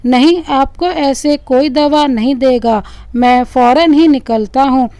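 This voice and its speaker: A woman voicing a composed male family doctor who reassures a caller, in a dry, smooth voice. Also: sits high, slow pace, dark tone, dry recording. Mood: reassuring.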